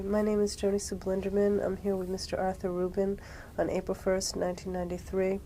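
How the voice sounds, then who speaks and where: A woman interviewer who introduces the session in a measured, formal way. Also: mid-range voice, mellow, slight background noise, rough recording.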